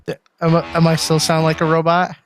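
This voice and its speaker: A man's voice: a little high, completely flat delivery, brisk. A man co-hosting a casual gaming livestream on a headset, easygoing and agreeable. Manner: easygoing, agreeable, chuckles often. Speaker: podcast co-host.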